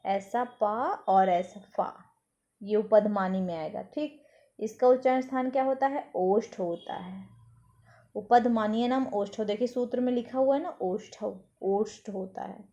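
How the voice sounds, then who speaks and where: A woman teaching a grammar lesson for exam preparation. She explains patiently, recites the rules slowly and asks and answers her own questions. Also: a little high, mellow, highs cut off.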